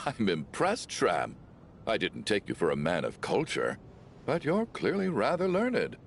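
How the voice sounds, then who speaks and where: A man's voice: fairly low pitch, wildly swooping pitch, measured pace, creaky, a little hiss or hum, heavily acted. A man playing a blustering, suspicious, easily rattled man in a video game, with an exaggerated delivery. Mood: amused, impressed. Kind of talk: animated game voice acting.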